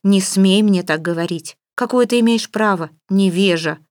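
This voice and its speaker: A woman's voice: medium pitch, moderate pace, a little mellow, no room sound, studio quality, close to an everyday voice. A woman reading an audiobook, voicing a stern, fussy middle-aged mother who scolds and gives orders. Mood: exasperated. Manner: scolding, bossy. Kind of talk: audiobook character voice.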